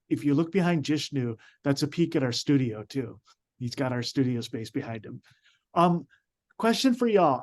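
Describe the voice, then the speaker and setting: Moderator: man, higher voice, friendly and encouraging, keeps the panel moving. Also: a little mellow. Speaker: program staff moderator.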